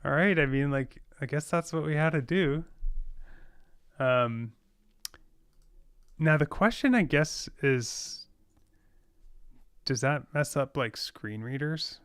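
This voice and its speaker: A man's voice: on the high side, lively intonation, slow pace, pauses often, fairly bright tone, clear, resonant tone, no echo, clean studio sound. A man casually thinking aloud as he writes code, rambling with fillers and exasperated laughs. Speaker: web developer coding on a live stream.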